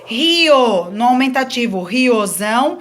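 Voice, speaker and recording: A woman's voice: fairly high pitch, lively intonation, slow. A woman teaching a grammar lesson, explaining the rules patiently step by step with examples.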